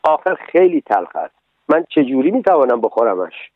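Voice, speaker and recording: A man voicing a stubborn, whiny wooden puppet boy in a storybook reading, with high, pleading protests over a tinny radio broadcast. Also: big pitch swings, no room sound. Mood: whining.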